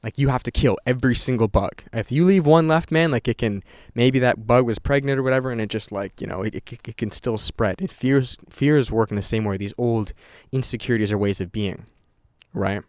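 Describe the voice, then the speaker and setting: Fairly quick and a little mellow, his medium-pitched voice belongs to a young vlogger speaking unscripted to camera. He rambles, curses freely and restarts often. The audio is studio quality, with no room sound.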